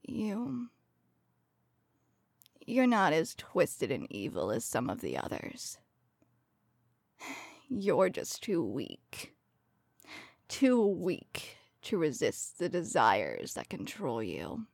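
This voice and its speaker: A woman playing a coldly tender serial killer in a soft, breathy ASMR role-play, slowly soothing her victim as if comforting someone in her lap. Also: low voice, wildly swooping pitch, no echo, studio quality, exaggerated voice. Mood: pitying.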